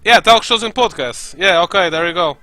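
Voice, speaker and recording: Brief: young male streamer, high and bright voice, loose rambling podcast chat full of "um" and "like.". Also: animated, fairly quick, no echo, faint music behind, poor audio. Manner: rambling, with many fillers and restarts.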